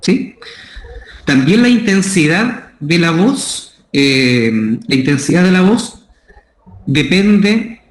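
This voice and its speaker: A voice care workshop instructor with a Chilean Spanish accent gives a methodical, explanatory lecture in a school room, repeating his key terms. His high-pitched voice is animated but slow. The room is echoey.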